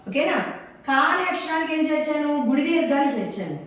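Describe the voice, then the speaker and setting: High-voiced teacher woman in echoey room. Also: sing-song, recorded from a distance. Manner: slow repetitive drilling, asks and answers own questions. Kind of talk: teaching Telugu letter signs to children. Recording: very echoey room, voice away from the mic.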